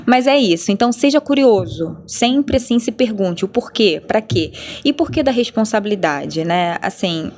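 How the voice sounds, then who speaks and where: A woman's voice: mid-range voice, expressive, normal speed, few pauses, a little mellow. A Brazilian woman, a compliance professional, a podcast guest, speaking thoughtfully and often repeating words as she looks for phrasing. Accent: Brazilian Portuguese. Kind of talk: casual panel conversation.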